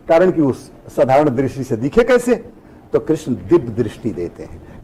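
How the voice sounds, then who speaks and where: A middle-aged man leads a spiritual discourse in a fairly high voice that swoops up and down with lively expression. He works through a run of rhetorical questions and answers each one himself. English phrases turn up now and then as he preaches. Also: low-quality recording. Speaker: spiritual teacher.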